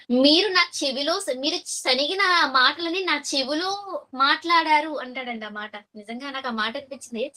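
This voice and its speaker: A woman preaching a sermon, asking her listeners questions and answering them, and reading verses slowly. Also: sits high, fairly bright tone. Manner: reads verses slowly and deliberately.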